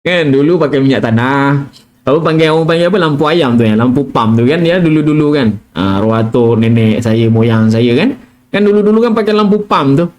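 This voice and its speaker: A man's voice: medium pitch, darkish tone. A middle-aged man with a Malaysian Malay accent giving a casual live tajwid lesson, chatty and peppering his talk with "kan?" and "ah", now and then demonstrating letter sounds in a whisper or in chanted recitation. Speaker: Quran recitation teacher.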